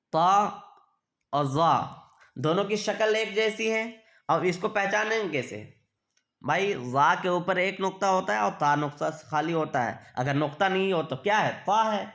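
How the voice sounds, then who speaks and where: A man's voice: sits high, fairly bright tone. A man teaching a beginner's reading lesson, patiently repeating each point and asking questions that he answers himself. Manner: repetitive, asks questions then answers them.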